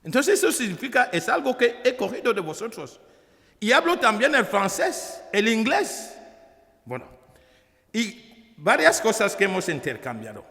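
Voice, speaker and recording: Presenting his book in an echoey hall with long reverb, a high-voiced African priest and author speaks in a bright, pushed voice whose pitch swoops wildly. Spanish is not his first language. His public talk is preachy and persuasive, emphatic and halting, with repeated phrases.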